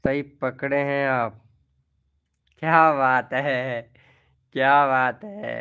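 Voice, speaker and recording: Male streamer, unhurried and teasing, clear smooth voice. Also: medium pitch, fairly even intonation, pushed and bright. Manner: playful, teasing, chuckling often. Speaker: live stream host. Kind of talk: casual live-stream chat reading viewer messages.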